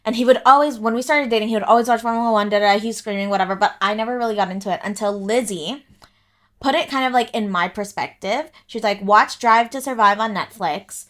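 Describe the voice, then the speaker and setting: A woman hosts a relaxed podcast conversation. She talks in a chatty way, asking questions and adding quick asides of her own. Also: fairly high pitch. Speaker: podcast host. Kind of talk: casual interview.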